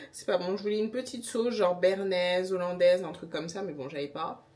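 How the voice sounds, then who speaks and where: A young woman of Senegalese background chatting casually to her camera at home, animated and wry about food and her day. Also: fairly low pitch, normal speed, far from the mic. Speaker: vlogger. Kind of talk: casual vlog chat. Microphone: handheld pocket camera.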